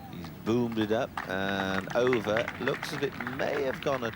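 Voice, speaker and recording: A man giving live golf commentary in an unhurried, conversational way. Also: medium pitch. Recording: clear outdoor background noise.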